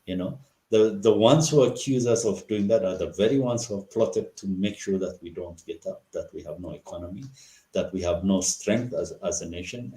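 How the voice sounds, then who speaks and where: A middle-aged Ethiopian man, interviewed as a guest, delivers impassioned political commentary in a fairly low, warm voice. He poses rhetorical questions and often restarts his sentences, and the recording has a roomy echo.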